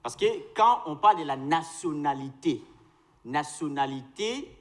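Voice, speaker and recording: A man lays out his argument earnestly in a political debate. His voice sits slightly high, and he keeps pressing on to finish his point. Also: animated, measured pace, fairly bright tone. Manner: earnest, explanatory, pushes to finish. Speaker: debate guest.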